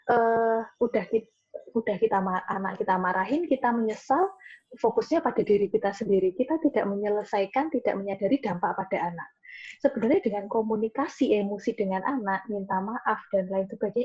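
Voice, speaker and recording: A woman's voice: mid-range voice, fairly quick, mellow, slightly rough, lo-fi sound. A woman speaking as a guest on a mental health webinar, explaining things reassuringly and repeating her key points over a video call. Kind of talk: webinar talk with audience questions.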